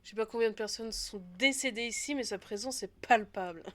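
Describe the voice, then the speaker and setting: A woman's voice: on the high side, a little fast, lightly acted. A woman voicing a solemn death-worshipping cult woman in a shroud, reading game dialogue aloud.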